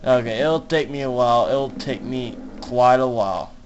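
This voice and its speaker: A young man casually commenting on a game he is playing, laughing a lot and shouting in panic when scared. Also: mid-range voice, normal speed, highs cut off. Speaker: gamer.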